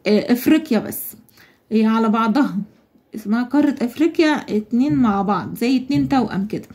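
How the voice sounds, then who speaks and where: A woman's voice: a little high, expressive, quick pace, darkish tone. A woman with an Egyptian Arabic accent explaining a schoolbook lesson to young children, patient and step by step, asking questions and answering them herself. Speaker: primary school teacher.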